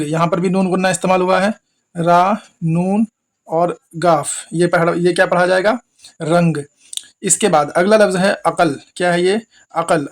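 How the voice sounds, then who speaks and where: A man with a high-sitting voice teaches Urdu spelling, breaking each word down letter by letter. He asks his viewers questions and repeats every word.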